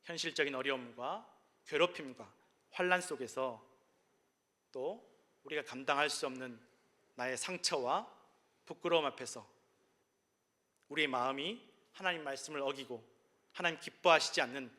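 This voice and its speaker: A man's voice: mid-range voice, normal speed, long pauses, bright, forceful tone, in a large hall. A male pastor delivering a sermon in an emphatic, repetitive preaching cadence.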